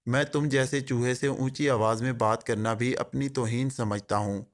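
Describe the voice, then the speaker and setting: A man's voice: medium pitch, steady tone, close to an everyday voice. A man voicing a male secret agent who jokes mockingly, then speaks in a cold, hard tone. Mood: cold, stern. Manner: switches from joking patter to cold, hard tone.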